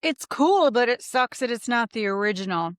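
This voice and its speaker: A woman's voice: fairly high pitch, animated, normal speed, dry recording. Woman, podcast co-host, chatty and blunt, casual talk, dry close sound. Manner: chatty, blunt, mild swearing.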